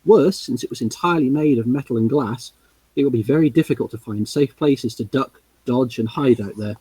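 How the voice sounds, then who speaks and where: A man's voice: mid-range voice, fairly quick, dark tone, husky, no room sound, low-quality recording. Man reading a storybook aloud, amused. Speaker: livestream reader. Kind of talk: casual read-along narration.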